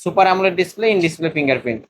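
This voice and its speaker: Brisk Bangladeshi man, eager and quick. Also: a little high, expressive, slight background noise. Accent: Bangladeshi Bengali. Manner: eager, echoes prices back as questions. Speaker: vlogger and channel host. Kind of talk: casual shop vlog chat. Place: mobile phone shop.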